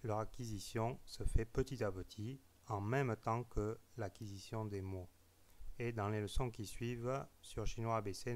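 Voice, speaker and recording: A man teaching a recorded language lesson, speaking slowly and repeating each word to explain its tone. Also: lowish voice.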